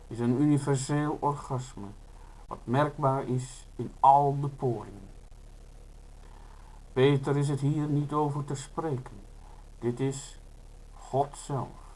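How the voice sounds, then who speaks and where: Slow, measured male literary reader. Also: medium pitch, rough recording. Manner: slow, measured, unhurried delivery. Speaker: author reading his own prose. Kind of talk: first-person literary reading.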